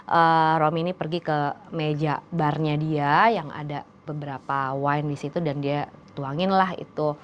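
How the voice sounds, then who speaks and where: A woman's voice: low voice, steady tone, a little slow, muffled recording, a little hiss or hum. A woman narrating a dramatic story in a casual, chatty way, talking directly to her listeners. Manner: chatty, addresses listeners directly, many fillers.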